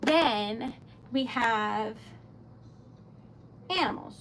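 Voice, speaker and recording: Speaking extremely slowly in a voice on the high side, a New England woman with a Rhode Island accent hosts a laid-back craft livestream. She chats with viewers, laughs often and rambles, with background noise behind her.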